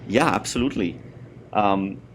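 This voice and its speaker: Low-voiced middle-aged man from India. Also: normal speed, a little hiss or hum. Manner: hesitant, many fillers and restarts. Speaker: guest, school parent and former board member. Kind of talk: conversational interview.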